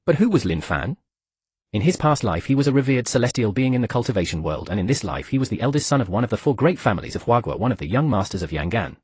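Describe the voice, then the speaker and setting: Fast, animated male audiobook narrator. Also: mid-range voice, slightly rough, dry recording, studio quality. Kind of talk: scripted narration.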